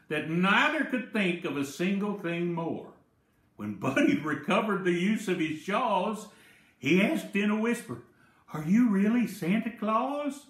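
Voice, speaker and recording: Man reading a christmas rhyme, high bright voice, echoey church room. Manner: lively rhyming read-aloud with playful pacing. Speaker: church storyteller dressed as St. Nicholas. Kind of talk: storybook reading aloud.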